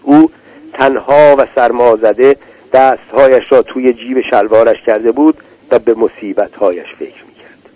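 A man reading a literary story aloud in a measured, deliberate way. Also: medium pitch, a little mellow, dry recording, poor audio. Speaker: narrator. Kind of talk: literary audiobook narration.

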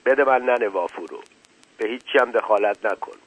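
A man voicing an eager, deferential young man who speaks in a brisk, obliging way. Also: lowish voice, a bit bright, husky, no room sound. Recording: dull lo-fi dry recording.

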